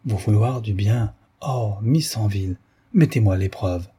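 A man reading the part of a pushy young gentleman pleading his love in a flowery, ardent way. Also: lowish voice, a little slow, slightly rough.

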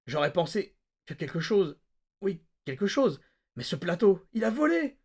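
Man voicing a frantic shouting psychiatrist. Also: very animated, measured pace, creaky, husky, heavily acted. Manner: shouting, gasping, pitch leaping. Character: frantic excitable male psychiatrist, breathless.

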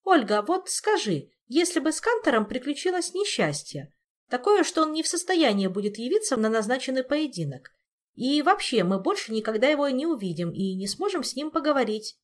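A stern young queen who lays things out in a firm, matter-of-fact tone, her pitch rising and falling, read by a woman in an audiobook. She is brisk and sensible. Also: big pitch swings.

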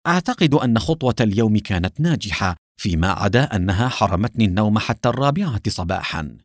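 A man's voice: fairly low pitch, lively intonation, quick pace, no echo, clean studio sound. A man reading an audiobook, voicing a confident young woman agent in his own voice. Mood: teasing.

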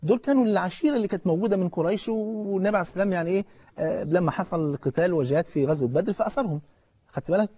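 A preacher with an Egyptian accent gives a colloquial religious lecture, animatedly telling stories, questioning his listeners, and reciting scripture in a slow, solemn way. His high voice is warm and slightly rough, with no room sound.

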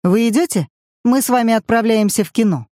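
A man's voice: very high-pitched, a little fast, darkish tone, no echo, pitched above the performer's own voice. A short, grey-haired grandfather in his later years speaks with stern, final authority, as a reader puts him on. Each line sounds like an order, close and dry. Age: older. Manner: stern, commanding.

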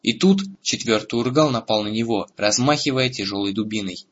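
A man narrating a fantasy audiobook in a steady storytelling manner, in a lo-fi recording. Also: lowish voice, fairly quick. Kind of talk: scripted narration.

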